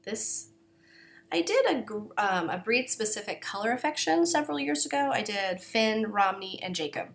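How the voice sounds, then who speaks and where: A woman's voice: mid-range voice, lively intonation, normal speed, creaky, fairly bright tone, a little hiss or hum. Coughing woman chatting about her knitting. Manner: chatty, self-deprecating, apologetic, with many fillers. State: coughing, throat-clearing. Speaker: knitting podcast host. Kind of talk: casual chat. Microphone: camera.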